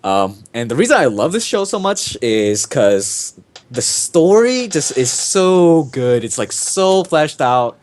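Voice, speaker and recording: A man's voice: a little high, very animated, slow pace, darkish tone. A young man hosting a casual podcast, talking in a rambling, enthusiastic way full of fillers. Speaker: podcast host.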